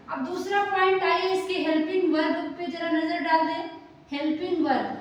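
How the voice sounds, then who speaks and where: A woman English teacher explaining grammar slowly, repeating key words and checking that students understand. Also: very high-pitched. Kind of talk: classroom grammar lesson. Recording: echoey room, distant mic, faint noise.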